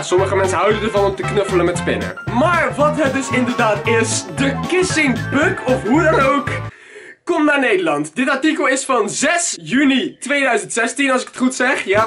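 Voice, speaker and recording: A young man with a Dutch accent, vlogging casually in a jokey, animated way and swearing often. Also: extremely high pitch. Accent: Dutch (Netherlands). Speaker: YouTuber. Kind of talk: casual vlog. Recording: background music under the voice.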